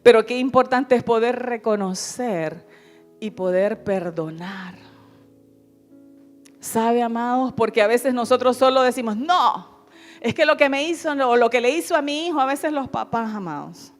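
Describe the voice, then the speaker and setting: A woman's voice: fairly high pitch, measured pace, soft background music. A middle-aged woman pastor preaching a sermon in an earnest, pleading way, often calling her listeners beloved.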